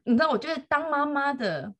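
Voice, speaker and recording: Lively mom chatting, pitch jumps all over, laughs a lot. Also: female voice, fast. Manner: animated, laughing storyteller. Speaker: mother telling a story. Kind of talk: casual chat.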